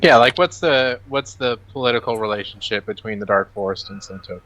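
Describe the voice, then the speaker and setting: A man's voice: medium pitch, fairly quick, a bit bright. A man chatting casually as a player in a tabletop game. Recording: dull, lo-fi online voice chat.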